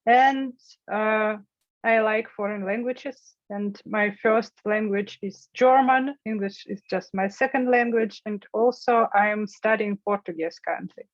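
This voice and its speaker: Hosting a workshop on a video call, this woman, a native Russian speaker, keeps a measured pace and a medium pitch with no echo. She sounds friendly and encouraging as she nudges participants to take part, though the call audio is dull and lo-fi.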